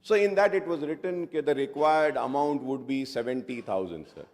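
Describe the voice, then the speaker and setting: On the assembly floor, a male legislator delivers an argumentative speech, switching between English and Hindustani. His voice is medium in pitch, very slow and darkish, echoing through the assembly hall.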